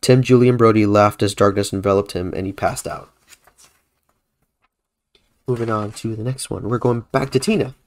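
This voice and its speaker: A man's voice: on the low side, steady tone, moderate pace, long pauses, a little mellow. A man hosting a podcast who reads his own horror story aloud in a casual way, often correcting himself. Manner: casual, self-correcting reading. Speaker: podcast host.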